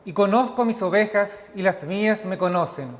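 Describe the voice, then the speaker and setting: Guy leading church prayers, kinda high voice, slow and solemn, big cathedral echo all around. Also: a crowd in the background. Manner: solemn, measured prayer reading. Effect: cathedral echo, long reverb. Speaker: minister leading worship. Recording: long echoey hall reverb.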